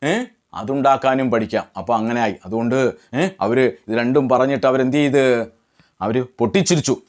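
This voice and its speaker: A man's voice: mid-range voice, normal speed. A man teaching a lesson, translating line by line and asking questions that he answers himself. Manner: translates phrase by phrase, repeating words. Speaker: Hindi tutor.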